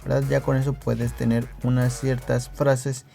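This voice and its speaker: A man teaching a video language lesson, patiently repeating phrases slowly for learners. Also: medium pitch, little pitch movement, creaky, warm tone, faint music behind. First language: Nahuatl.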